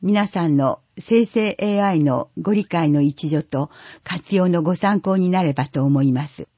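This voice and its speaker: A reader calmly working through an audio newsletter at a measured, even pace. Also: mid-range voice, breathy edge, dry recording. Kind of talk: read-aloud audio newsletter. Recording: dull lo-fi recording, dry.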